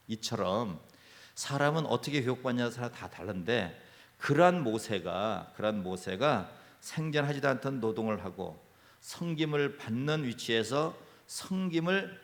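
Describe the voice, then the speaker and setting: A man in his sixties, a pastor preaching a sermon in a prayer-house church. He asks himself many rhetorical questions, and his loudness rises and falls as he speaks. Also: medium pitch, gravelly. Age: 60s.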